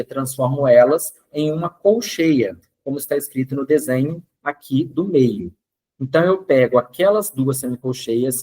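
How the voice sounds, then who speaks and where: A man teaching a music theory lesson, explaining step by step and chanting rhythm syllables to a steady beat. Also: fairly high pitch.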